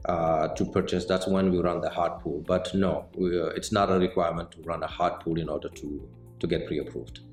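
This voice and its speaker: A middle-aged man from Senegal, a mortgage banker answering interview questions in a measured, explanatory way with frequent pauses. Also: sits low, a little mellow. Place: indoor office set with bookshelves. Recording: roomy indoor sound with faint music.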